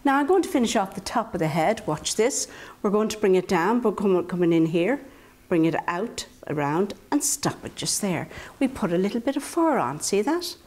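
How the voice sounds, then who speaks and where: Female kids' art instructor, mid-pitched, playful and encouraging, guiding young viewers step by step. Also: animated, normal speed, a little mellow. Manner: playful, encouraging, talks directly to young children. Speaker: children's drawing instructor and host. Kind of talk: step-by-step drawing tutorial for children.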